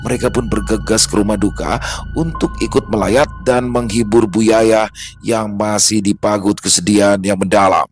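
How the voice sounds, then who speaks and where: A man narrating a horror story in a steady, measured storytelling voice. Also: lowish voice. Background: faint background music.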